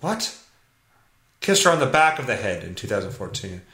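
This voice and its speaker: Male podcast host ranting over headlines, foul-mouthed and exasperated, bright edgy voice in a roomy space. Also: on the low side, very animated, normal speed. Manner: profane, exasperated, blunt. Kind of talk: ranting solo commentary on news headlines.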